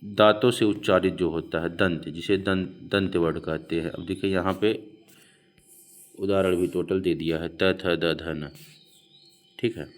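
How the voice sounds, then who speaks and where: Slow, low-voiced Hindi teacher. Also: male voice, fairly even intonation. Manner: slow, repeats mnemonics aloud. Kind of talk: exam prep lecture.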